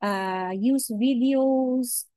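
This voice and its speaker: A woman giving an informal online lecture, mixing Tagalog and English, often checking in with "okay?" and pausing to search for words. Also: a little high, mellow, dry recording, low-quality recording. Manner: chatty Taglish, frequent "okay?" and "di ba?" check-ins; many hesitations and restarts.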